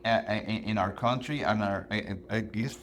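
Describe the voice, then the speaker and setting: A man co-hosting a casual podcast chat, speaking in a passionate, animated, somewhat preachy way. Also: lowish voice, brisk. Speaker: podcast co-host.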